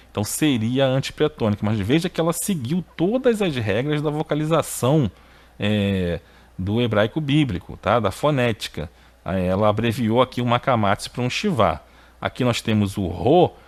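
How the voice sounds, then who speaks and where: A man teaching a video lesson. His voice sits in a middle pitch and climbs sharply whenever he hammers a point home. He keeps checking in with his listeners through short tag questions. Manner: emphatic, repeatedly checks with "tá?"; pitch rises sharply when stressing a point. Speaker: Hebrew teacher.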